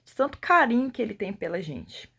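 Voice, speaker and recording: Brazilian lady sharing her faith testimony, kinda husky voice, really emotional storytelling. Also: medium pitch, big pitch swings, fairly quick, pushed and bright. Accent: Brazilian Portuguese. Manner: emotional storytelling, acting out the dialogue she retells. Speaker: testimony speaker.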